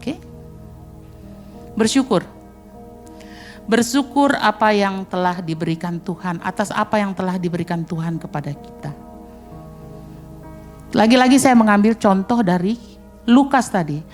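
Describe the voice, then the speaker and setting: Middle-aged indonesian lady preaching in church, chatty and jokey, soft music underneath. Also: mid-range voice. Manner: chatty and joking, acting out quick asides. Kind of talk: sermon. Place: church hall.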